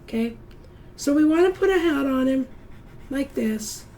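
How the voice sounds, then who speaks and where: A woman's voice: high-pitched, animated, unhurried, a little mellow, a little hiss or hum, poor audio. A middle-aged woman giving a patient, encouraging step-by-step drawing lesson to children, counting aloud and sometimes dropping to a whisper. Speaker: art teacher.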